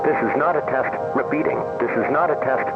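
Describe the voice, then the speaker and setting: A man's voice: mid-range voice, a little fast, over music, close to an everyday voice. A man voicing an impersonal government alert announcer, delivering formal scripted doomsday warnings in a fictional emergency broadcast. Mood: grave, impersonal. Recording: muffled broadcast under loud noise.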